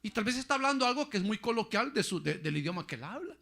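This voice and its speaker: High gravelly man preaching. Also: sing-song, fast, sharp tone. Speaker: pastor. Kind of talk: sermon.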